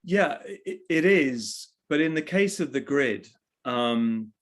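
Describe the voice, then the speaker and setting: A man's voice: on the high side, animated, slow. Reflective man telling a story. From England. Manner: reflective, often restarting phrases. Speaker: interview guest, journalist and author. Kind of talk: conversational storytelling.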